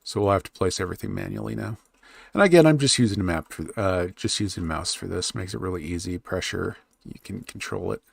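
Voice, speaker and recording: Low gravelly man musing over his map. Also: a little fast, no room sound, studio quality. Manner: thinks aloud, muttering while he works, then perks up to talk to chat. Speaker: streamer drawing a fantasy map with chat. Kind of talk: casual live-stream chat while working.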